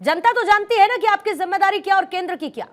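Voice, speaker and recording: A woman's voice: very high-pitched, animated, fast. A woman moderating a TV news debate as host, interjecting and pressing guests with pointed questions.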